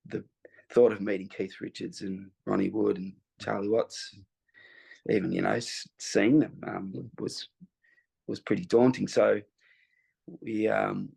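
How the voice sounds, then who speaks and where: Low gravelly man telling stories haltingly. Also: darkish tone. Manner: rambling, hesitant storytelling. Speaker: guest musician. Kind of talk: interview anecdote.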